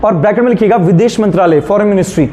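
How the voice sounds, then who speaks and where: High-pitched Indian man dictating class notes. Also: very fast, warm tone. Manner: dictating notes, repeating phrases for students to write down; mixes Hindi with English terms. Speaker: teacher of a current affairs exam class.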